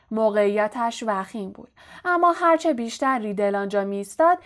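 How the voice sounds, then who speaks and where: A woman narrating an audiobook chapter in a calm, steady storytelling manner. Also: mid-range voice.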